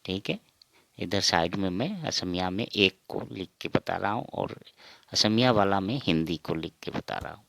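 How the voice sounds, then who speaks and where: A man teaching a counting lesson, saying each number slowly and asking and answering his own questions. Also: low-pitched, gravelly, a bit bright. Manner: repeats each word, asks and answers himself. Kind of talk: slow spoken counting lesson.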